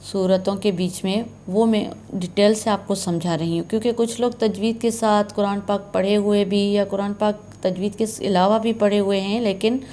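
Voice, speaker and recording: A woman's voice: mid-range voice, flat delivery, moderate pace, hardly any pauses, mellow, a little hiss or hum. A woman teaching Quran recitation signs in a patient, step-by-step way, repeating key terms. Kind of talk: slow explanatory lesson.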